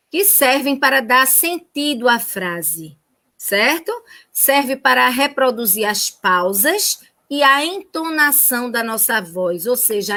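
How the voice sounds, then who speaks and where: A woman's voice: a little high, pushed and bright. Sing-song Brazilian woman teacher. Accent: Brazilian Portuguese. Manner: sing-song, child-directed. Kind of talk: remote lesson for first graders.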